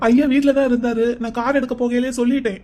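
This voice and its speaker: A woman voicing a steady younger brother-in-law in a cartoon, giving quick, soothing reassurance. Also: fairly high pitch, natural voice. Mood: reassuring. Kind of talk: cartoon voice acting.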